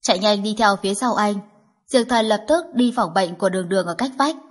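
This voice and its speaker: Husky woman narrating an audiobook. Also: medium pitch, a little fast.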